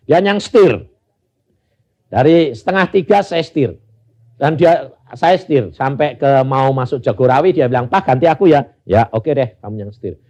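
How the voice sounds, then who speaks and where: An older man with a Javanese-inflected Indonesian accent preaching a sermon, telling stories and acting out the dialogue, swinging from loud bursts to near-whispers. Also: medium pitch. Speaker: pastor. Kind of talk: sermon with anecdotes.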